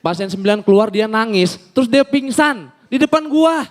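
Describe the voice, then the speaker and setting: Animated high-voiced young comedian. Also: male voice, normal speed. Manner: animated storytelling, acting out characters in shifting voices. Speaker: stand-up comedian. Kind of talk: stand-up comedy set.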